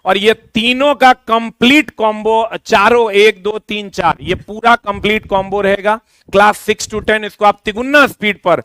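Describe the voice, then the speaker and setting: A middle-aged male coaching teacher, talking informally and repetitively as he pitches a course to exam students. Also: steady tone, moderate pace, sharp tone, smooth. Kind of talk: promotional explanation to exam students.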